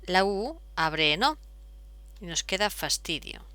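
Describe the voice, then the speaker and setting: A woman's voice: fairly low pitch, very animated, takes it slowly, pushed and bright, clear, resonant tone, no echo. A woman, explaining step by step as a teacher, patient, with frequent fillers. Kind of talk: explaining at a whiteboard.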